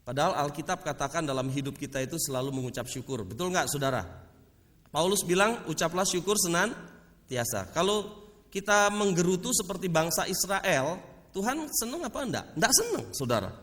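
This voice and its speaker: Man, preacher, lively swinging delivery, reverberant hall. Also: a little fast. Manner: addresses the congregation often as "saudara", animated swings in pitch and loudness. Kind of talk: sermon. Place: church hall.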